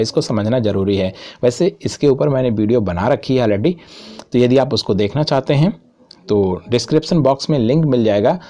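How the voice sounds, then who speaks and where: A mellow-voiced man teaches an exam-prep lesson. He reads out English lines slowly and deliberately, then explains them at a steady pace. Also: medium pitch. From India.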